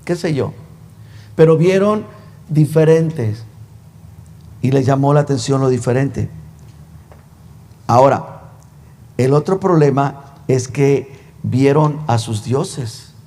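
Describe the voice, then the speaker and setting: A man's voice: medium pitch, expressive, slow, pauses often, mellow. Reverberant male preacher. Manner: conversational, rhetorical questions, teasing. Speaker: pastor. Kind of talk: sermon. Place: church sanctuary. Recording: long church reverb.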